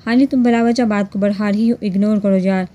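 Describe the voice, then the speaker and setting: A woman's voice: medium pitch, fairly even intonation, fairly quick, dark tone, close to an everyday voice. A woman voicing a rude, short-tempered young husband in a spoken romance storybook, curt and commanding. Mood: harsh.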